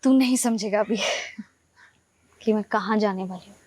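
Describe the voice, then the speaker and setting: A young woman playing a gentle bride-to-be sister. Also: medium pitch, moderate pace, no echo, natural voice. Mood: tender. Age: young adult. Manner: soft, reassuring, affectionate. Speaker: elder sister about to marry. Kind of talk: TV crime drama acting.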